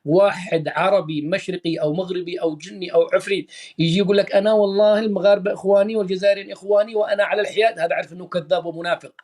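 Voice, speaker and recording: A man hosting a live stream, calming an angry caller and then lecturing him in an emphatic way. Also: sits high.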